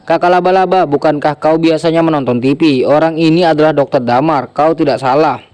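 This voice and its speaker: A man's voice: a little high, fairly even intonation, a little fast, darkish tone, natural voice. A man reading the lines of a nervous young woman accomplice, shaky and anxious.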